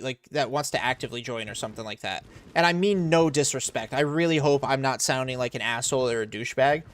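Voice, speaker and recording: A young American man from Florida, casually talking through a live game stream and answering chat. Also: medium pitch. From Florida, USA. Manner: chatty, explains while playing, reads chat aloud.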